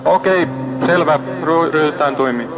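A man answering a distress call over marine radio, calm and businesslike. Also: on the high side, normal speed. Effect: marine radio transmission. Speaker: radio operator of a rescuing ship. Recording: muffled archival marine radio recording.

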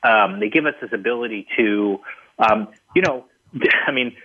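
Over tinny phone-line audio, a man being interviewed as a guest author answers thoughtfully, with plenty of fillers and restarts. His voice is lowish with a breathy edge, and his pace is moderate.

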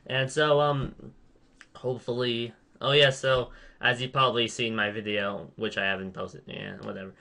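A man's voice: mid-range voice, level tone, normal speed, vocal fry, sharp tone. A young man hosting a casual gaming chat, rambling, restarting his sentences and putting himself down. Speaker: channel host.

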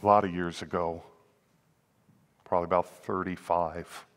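A man's voice: low voice, flat delivery, moderate pace, long reverb tail. A man in his sixties, a pastor preaching a sermon, rising and dropping in volume and acting out the grumbling crowd. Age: 60s. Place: church sanctuary.

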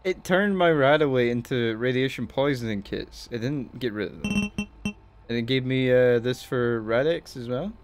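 A man streaming a game live, exasperated and swearing, with bursts of yelling between muttered commentary. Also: medium pitch, animated, normal speed, soft background music. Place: home desk.

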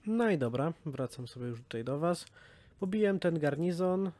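Chill guy talking thru his game, slightly high voice, wry little asides, game music going. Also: moderate pace. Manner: relaxed, musing aloud, wry asides. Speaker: let's play gamer. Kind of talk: casual gameplay commentary.

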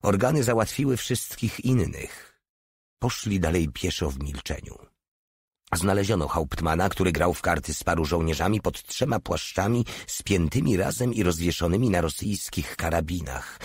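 Deep husky male audiobook narrator. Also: no echo. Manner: steady measured reading.

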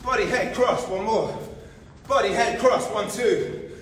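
A male boxing coach with a high-pitched voice calls out drills in short, commanding bursts. He is far from the mic in a very echoey gym, leaving gaps between his cues as he counts and names punches. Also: a little slow, fairly bright tone. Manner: clipped, commanding short cues while demonstrating exercise. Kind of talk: shouted workout instruction, calling out combinations and counts. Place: large indoor boxing gym. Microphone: camera several metres away. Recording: echoey gym, distant mic, faint noise.

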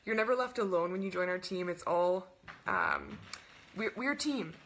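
A young woman hosting a casual coaching webinar, bubbly and rambling, gushing with enthusiasm and acting out little dialogues in a higher voice. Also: normal speed, fairly bright tone. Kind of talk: casual webinar talk to camera.

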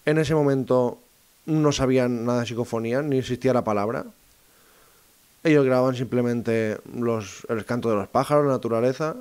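A man talks in a casual monologue, speaking straight to his listeners and often pausing and restarting his phrases as he thinks aloud. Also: mid-range voice, darkish tone, clear, resonant tone. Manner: addresses listeners directly. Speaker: host of a segment on psychophony.

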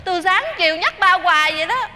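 A woman's voice: very high voice, animated, quick pace, big-room sound, background noise. A pleading young village woman. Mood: coaxing. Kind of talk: stage comedy acting.

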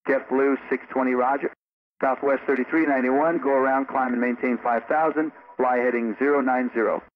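A man working as an air traffic controller, giving calm, measured instructions to pilots over a radio with static bursts. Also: mid-range voice. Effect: radio transmission with static bursts. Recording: tinny radio with faint static.

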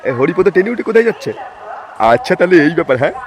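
Guy doing an eager henchman in a cartoon, chatters fast, swears. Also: sits high. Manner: excited, swearing. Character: eager male henchman, loyal and gossipy.

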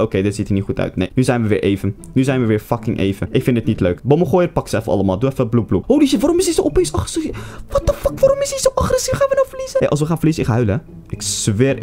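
Excitable young man narrating his game. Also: mid-range voice. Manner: excitable, swears a lot, jumps from groans to shouts. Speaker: gaming YouTuber. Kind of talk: live game commentary.

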